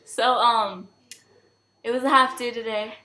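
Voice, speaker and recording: A woman's voice: a little high, steady tone, unhurried, pushed and bright. A teenage girl chatting casually to camera with a friend, laughing often and rambling.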